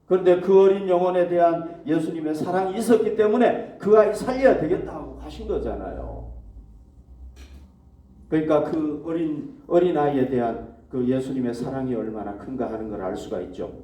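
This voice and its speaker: A man's voice: on the high side, expressive, normal speed, mellow. A male pastor preaching a sermon to his congregation, asking questions and answering them himself. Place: church hall. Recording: echoey church hall, mic at a distance.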